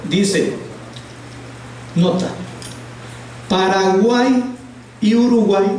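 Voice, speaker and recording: A man's voice: high voice, darkish tone. A man teaching a classroom grammar lesson, patiently asking the class questions and repeating their answers. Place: classroom in a house of prayer. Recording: very echoey room, voice from a distance, faint hiss.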